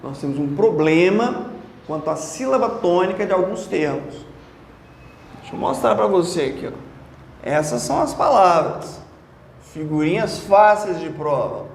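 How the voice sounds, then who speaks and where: A man with a Brazilian Portuguese accent giving an exam-prep lesson, chatty and lively, often asking the viewer questions. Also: high-pitched, moderate pace, vocal fry. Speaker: Portuguese teacher. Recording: echoey room with faint noise.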